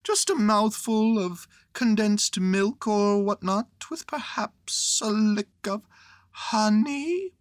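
A woman voicing a humble, dreamy bear of little brain in a storybook, plaintive, polite and slow-witted. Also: medium pitch, expressive, no room sound, studio quality, pitched above the performer's own voice. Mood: dreamy, wistful.

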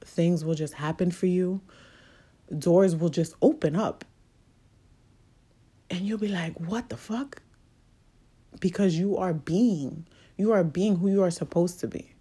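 Mellow-voiced woman giving candid pep talk. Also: on the low side, measured pace, long pauses, breathy edge. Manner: candid, profane, preachy. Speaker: motivational speaker. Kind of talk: casual motivational monologue.

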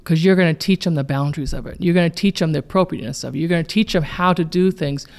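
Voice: medium pitch, fast, vocal fry. A parenting coach giving emphatic advice in a coaching conversation, repeating key phrases and acting out what a child or parent would say.

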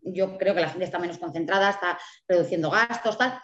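A woman's voice: fairly low pitch, fairly quick, echoey room, lo-fi sound. A woman, a novelist from Spain, telling stories in a casual interview and acting out the voices of people she quotes. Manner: animated storyteller, acts out quoted dialogue, laughs often. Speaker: guest novelist.

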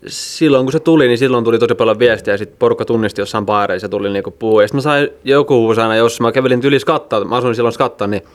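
A man's voice: medium pitch, hardly any pauses. Laid-back young man, rambling. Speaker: podcast guest. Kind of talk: casual chat.

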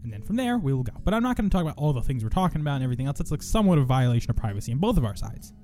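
A man's voice: medium pitch, big pitch swings, very fast, dark tone, soft background music. A young man hosting a podcast in casual chat, rambling, swearing and poking fun at himself. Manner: profane, rambling, self-mocking. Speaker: podcast host.

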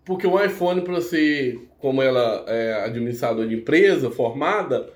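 A man's voice: medium pitch, lively intonation. Roomy-sounding man telling a story. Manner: emotional, halting with restarts. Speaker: podcast guest. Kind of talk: casual storytelling. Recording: roomy echo.

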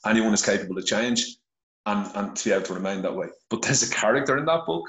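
On a podcast via a phone held to his face, a middle-aged Irish guest tells his story candidly, blunt and earnest with lots of swearing. His voice is on the low side and a bit bright, with lively intonation and a fast pace, in a roomy, low-quality recording.

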